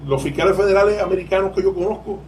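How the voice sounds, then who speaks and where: Candid Puerto Rican lawyer, fairly high voice. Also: male voice, racing, a little mellow, far from the mic, a little hiss or hum, rough recording. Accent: Puerto Rican Spanish. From Puerto Rico. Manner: candid, digressive, laughs while explaining. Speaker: lawyer and legal aid board president, guest. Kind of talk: podcast interview.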